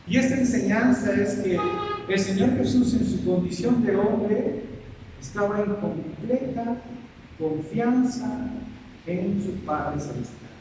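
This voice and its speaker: A man's voice: high voice, takes it slowly, dark tone. A male pastor preaching a sermon with emphasis, acting out quoted prayers in a rising voice. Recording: echoey hall, distant mic, noisy.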